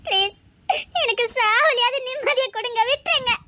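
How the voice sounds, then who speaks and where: A woman's voice: extremely high pitch, normal speed, sharp tone. A woman voicing a heartbroken young woman in a drama, speaking with a Tirunelveli Tamil accent in a tearful, pleading way. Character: heartbroken young woman set on ending her life.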